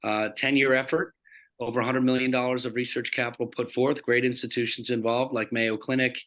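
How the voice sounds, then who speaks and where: A man from New Jersey, a company founder and CEO, introducing himself on a video call panel in a businesslike way with many filler pauses. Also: medium pitch, little pitch movement, a bit bright. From New Jersey, United States.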